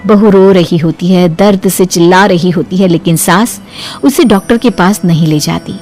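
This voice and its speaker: A woman narrating a cartoon moral story in an expressive storytelling manner. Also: fairly low pitch, moderate pace, faint music behind.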